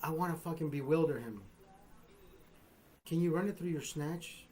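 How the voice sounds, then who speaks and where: On his live stream, a fifties-aged man tells a lengthy crude joke at a moderate pace, his voice slightly high and a little mellow. The talk is casual and full of swearing, peppered with "bro," "right?", and frequent laughter.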